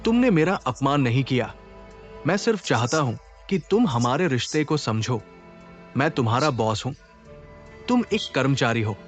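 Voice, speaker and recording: A man's voice: medium pitch, lively intonation, moderate pace, soft background music, natural voice. A man dubbing a curt, cold billionaire CEO. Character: aloof, stern young billionaire male CEO. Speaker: boss. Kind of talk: Hindi dub of a TV drama.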